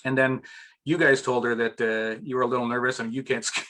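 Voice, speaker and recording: A man's voice: medium pitch, flat delivery, brisk, sharp tone, a little hiss or hum. Rambling, heartfelt man talking about family. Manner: rambling, many restarts, emotional and choked up at times. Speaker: interview guest. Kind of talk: casual interview chat.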